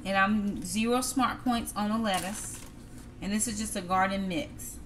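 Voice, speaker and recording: In an easygoing cook-with-me video, a middle-aged woman guides viewers she calls "y'all" through a home-cooked meal. Her ordinary-pitched voice is fairly bright and a little slow; a counter-top camera records her, with pans, dishes and cutlery clattering clearly and slight background noise.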